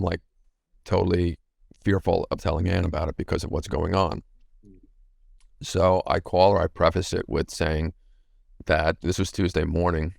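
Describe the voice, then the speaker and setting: A middle-aged man with a very low, heavily gravelly voice. He tells his story frankly and with feeling, cursing now and then, recorded dry and close. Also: no room sound. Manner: frank, emotional, swears casually. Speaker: coaching client. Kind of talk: candid personal story in a coaching interview.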